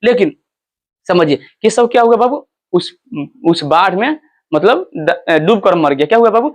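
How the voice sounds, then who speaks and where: Man, high-pitched voice, story lesson, animated, quizzes listeners, acts out lines. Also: a little slow. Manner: animated, keeps checking understanding with repeated questions; acts out characters' cries in quoted lines. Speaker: teacher.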